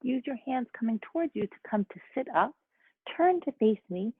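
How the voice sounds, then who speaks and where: A woman teaching restorative yoga, giving soothing, unhurried step-by-step instructions. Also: a little high, lively intonation, breathy edge, no echo, phone-quality sound.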